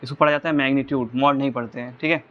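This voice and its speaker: A man's voice: mid-range voice, fairly even intonation, rapid-fire, muffled recording. A man teaching a physics lesson, explaining each step and checking in with rhetorical questions.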